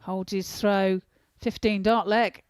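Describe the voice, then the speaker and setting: A woman commentates live darts in a conversational style. Her voice is medium-pitched and recorded close and dry, with no room sound. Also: fairly even intonation, slow, a little mellow, clear, resonant tone, no room sound.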